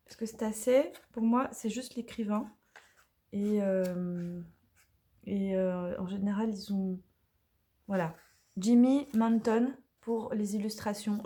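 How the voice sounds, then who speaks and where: A woman's voice: medium pitch, mellow. A woman casually unboxing and reviewing an oracle card deck, talking chattily with many hesitations and now and then dropping to a whisper.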